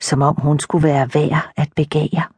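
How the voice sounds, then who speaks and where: A woman narrating an audiobook in a soft, measured reading style. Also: low-pitched, little pitch movement, slightly rough, dry recording, studio quality.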